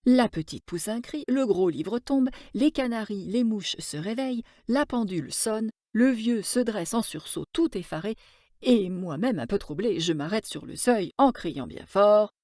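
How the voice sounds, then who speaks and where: A woman narrates a classic tale in a gentle, expressive voice of middle pitch. She takes her time, letting each phrase settle. The recording is close and dry, with no room sound. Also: measured pace, dry recording. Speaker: storyteller.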